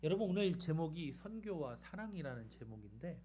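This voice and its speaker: Korean pastor preaching animatedly. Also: male voice, a little high, fairly quick, slight background noise. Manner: lively storytelling, asks the congregation questions. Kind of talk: sermon. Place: church.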